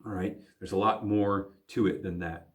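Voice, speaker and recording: A man's voice: low voice, fairly even intonation, normal speed. A man, a pastor from the American Midwest, teaching a recorded Bible lesson for teens, thinking aloud with frequent fillers and restarts.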